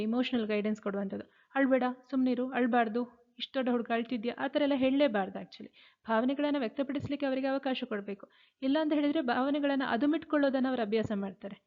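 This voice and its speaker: Woman teacher, reads out points and then explains them, higher voice, tinny phone-quality sound. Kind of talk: lecture explaining slides.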